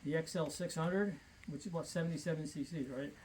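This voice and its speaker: Man with a thin, squeaky, reedy voice. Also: steady tone, a little mellow, slightly rough, rough recording. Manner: rambling, halting, thinks aloud. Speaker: vintage chainsaw hobbyist explaining features. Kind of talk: casual, unscripted explaining and chat.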